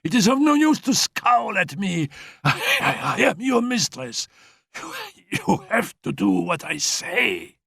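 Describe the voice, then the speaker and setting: A man reads an audiobook in an exaggerated, high-pitched voice as a dying young woman who is breathless, coughing, feverish, and defiant. She laughs between imperious commands and pleas, delivered a little slowly with big pitch swings, vocal fry, and a sharp, slightly rough tone, recorded at studio quality without echo.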